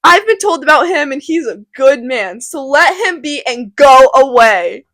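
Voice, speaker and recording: A woman's voice: sits high, expressive, a little slow, fairly bright tone. A teenage girl voicing a bossy, scolding head-of-house uncle in a school drama project. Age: teens.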